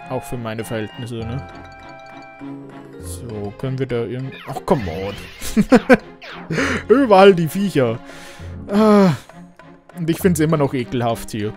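A man giving relaxed, chatty commentary while playing a video game. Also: medium pitch, moderate pace, faint music behind. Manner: relaxed, chatty, frequent laughs. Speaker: let's play host. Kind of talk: casual gameplay commentary.

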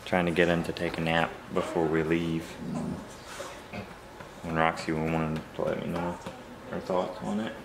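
A young man with a very low voice rambles easily through a casual vlog. His talk is loose and full of fillers, caught on a camera with clear background noise and car hum. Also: a little slow, pauses often. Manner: rambling, relaxed, filler-heavy. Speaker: vlogger. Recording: noisy home video, car noise.

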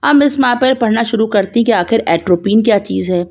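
A woman's voice: a little high, fairly quick. Woman retelling a mystery, slightly muffled. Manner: relaxed retelling with explanatory asides. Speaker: storyteller. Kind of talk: conversational story summary.

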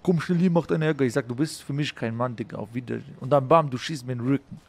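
A man's voice: mid-range voice, fast, lightly acted. A man playing a brash young street tough in a crime role-play game, retelling a quarrel in slangy, swaggering talk. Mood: indignant.

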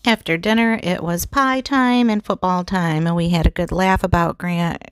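A woman's voice: on the low side, steady tone, moderate pace, clean tone, no room sound, studio quality. A woman hosting a home cooking vlog, narrating her dishes in a chatty, homey way with small laughs. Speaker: cooking channel host. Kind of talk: casual cook-along narration. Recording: music playing underneath.

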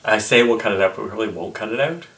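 A tipsy man in his twenties rambling casually to camera, halting and repeating himself with mock-indignant asides. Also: fairly low pitch, a bit bright. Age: 20s. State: tipsy from drinking. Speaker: vlogger. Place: small indoor room with block wall, seated close to camera.

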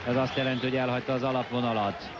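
A Hungarian man commentating live on a water polo match in an excited, emotionally invested way. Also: medium pitch. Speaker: sports commentator. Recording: dull broadcast, loud pool crowd noise. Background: noisy outdoor pool crowd.

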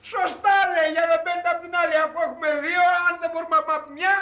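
A brash repairman boss who snaps and barks at his helper in a 1980s film comedy. His voice sits very high and sounds piercingly bright, loud and bossy. He calls people names and orders them about. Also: flat delivery. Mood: bossy scolding. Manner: brash, barking orders and name-calling. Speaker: tradesman fixing a roller shutter.

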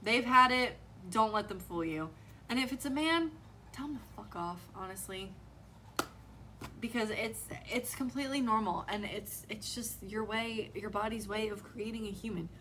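A woman's voice: mid-range voice, moderate pace, a bit bright, slight background noise, rough recording. A young adult woman talking casually to camera as a vlogger, speaking frankly and reassuringly and saying "like" a lot. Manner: frank and reassuring, heavy use of "like". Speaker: vlogger, pregnant mother.

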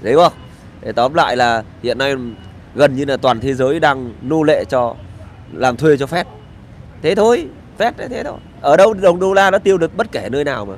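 A man's voice: medium pitch, animated, a little fast, a little hiss or hum. A middle-aged man, ranting sarcastically and crudely in a casual vlog from a street. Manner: sarcastic, crude and rambling, with swearing. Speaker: vlogger. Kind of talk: casual outdoor vlog rant.

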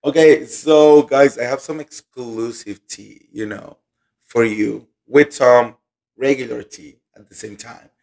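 A man hosts a casual gossip show with a voice that is hoarse and still recovering. He talks slowly and carefully to spare it, filling his sentences with chatty asides. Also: mid-range voice, a little mellow. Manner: chatty, filler-heavy, "you know" and "like".

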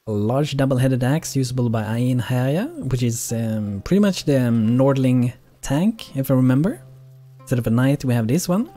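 A man streams a video game with casual, rambling commentary. His voice is mellow and medium in pitch, and he often repeats words for emphasis. Quiet music plays underneath. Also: lively intonation, moderate pace. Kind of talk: casual live gameplay commentary.

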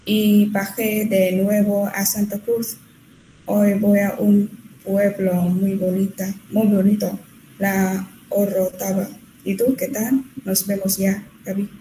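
A woman's voice: medium pitch, level tone, mellow. A woman student reading a text aloud in class, hesitant and correcting herself. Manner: hesitant, halting, self-correcting. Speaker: language student. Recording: echoey room with faint noise.

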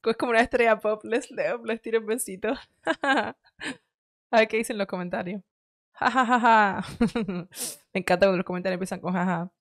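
A woman's voice: medium pitch, normal speed, pauses often, dry recording. Chatty woman host with a dry, close sound. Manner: chatty, laughs often, teasing asides. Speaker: host reacting to videos and reading comments. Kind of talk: casual reaction chat.

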